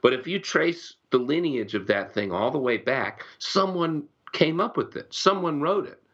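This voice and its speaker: A man's voice: a little high, animated, normal speed, fairly bright tone, slightly rough, highs cut off. A man, a songwriter guest, chatting casually in an interview from his bedroom, often restarting his sentences.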